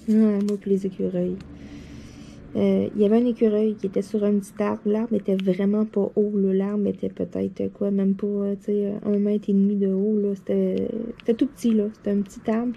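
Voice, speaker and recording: A woman with a Québécois French accent, seated at her desk, telling anecdotes to her viewers in a chatty, animated way, full of fillers and laughter. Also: mid-range voice, vocal fry, muffled recording, a little hiss or hum. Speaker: vlogger. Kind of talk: casual anecdote storytelling to viewers.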